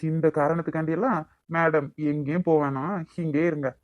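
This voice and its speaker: A man's voice: fairly high pitch, fairly even intonation, a little fast, muffled recording, a crowd in the background, natural voice. A man voicing a lovestruck young taxi driver. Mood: reassuring. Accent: Nagercoil Tamil. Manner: talks to himself, wheedling. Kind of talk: cartoon voice acting.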